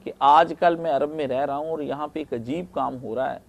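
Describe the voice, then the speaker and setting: A man's voice: a little high, steady tone, creaky, muffled recording. A man from Pakistan, giving a conversational Islamic lecture and checking in with his listeners. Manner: conversational storytelling lecture, asks listeners "right?". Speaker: religious lecturer.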